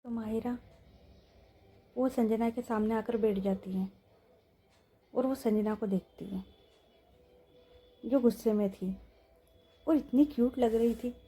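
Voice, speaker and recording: A young woman tells a story in a relaxed, chatty manner, often checking in with her listeners. Her voice sits fairly high but sounds very mellow and husky. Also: slow, long pauses. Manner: chatty, talks to listeners with asides. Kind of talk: casual story narration.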